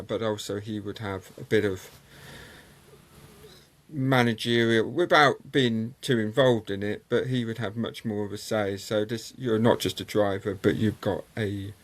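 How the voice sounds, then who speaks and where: A motorsport historian, appearing as a guest in a conversational interview, tells racing history hesitantly, rambling through anecdotes with many ums and uhs. His voice is fairly low.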